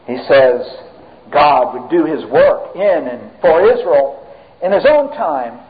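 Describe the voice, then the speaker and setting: A pastor preaching a sermon, swinging dramatically between loud and hushed and asking the congregation questions. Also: male voice, on the high side, big pitch swings, takes it slowly. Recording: tinny, phone-like sound with long hall reverb.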